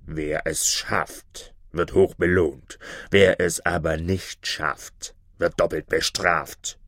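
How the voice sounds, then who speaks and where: A man's voice: low-pitched, steady tone, slow, creaky, a bit bright, dry recording, clean studio sound, pitched below the performer's own voice, heavily acted. A man voicing a stern, cruel bandit chief who gives harsh commands. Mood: menacing.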